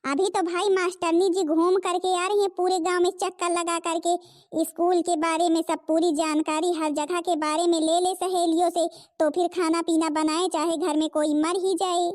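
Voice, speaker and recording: A woman voicing a cruel, bossy stepmother in an animated cartoon, scolding and threatening. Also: very high voice, normal speed, dry recording, clean studio sound.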